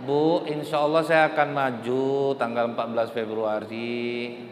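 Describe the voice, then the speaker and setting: A man's voice: mid-range voice, little pitch movement, measured pace, noisy background, lightly acted. A man voicing a polite, persuasive male political candidate in a sermon anecdote. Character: smooth-talking male political candidate, middle-aged. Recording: echoey hall, faint ambience.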